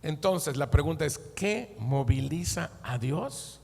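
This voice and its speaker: High-voiced pastor preaching slowly. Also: male voice, lively intonation, creaky, darkish tone, slightly rough, in a large hall. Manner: emphatic preaching, asks questions and answers them himself. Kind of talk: sermon.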